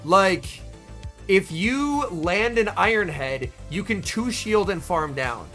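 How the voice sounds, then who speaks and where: A young man, a bit under the weather, giving chatty, excitable live-stream commentary at a tournament watch party and answering his chat by name. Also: high-pitched, takes it slowly, soft background music.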